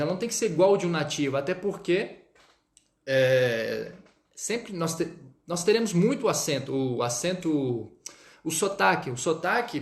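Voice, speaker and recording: Chatty Brazilian man teaching live. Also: high voice. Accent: Brazilian Portuguese. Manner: chatty, reads out viewer comments, frequent "tá?" check-ins. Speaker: French teacher. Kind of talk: live-stream lesson, casual chat. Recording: echoey room.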